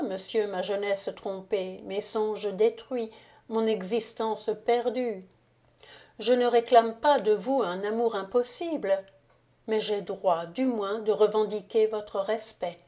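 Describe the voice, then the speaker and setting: A woman reading a wronged young countess, speaking firmly and assuredly, slow and mellow. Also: mid-range voice, close to an everyday voice. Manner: firm, assured. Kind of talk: audiobook character reading.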